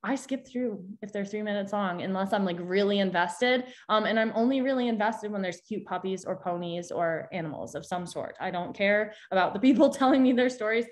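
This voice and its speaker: A woman's voice: medium pitch, brisk, few pauses. A young woman guest expert giving a chatty live tutorial over a video call, explaining step by step with frequent restarts. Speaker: social media guest expert.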